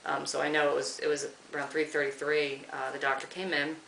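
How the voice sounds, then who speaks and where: Woman, interviewee, halting and emotional, bright voice, recorded from afar in an echoey room with faint hiss. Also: low-pitched, level tone, creaky, recorded from a distance. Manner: halting, emotional, quoting others. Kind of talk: recounting an experience in an interview.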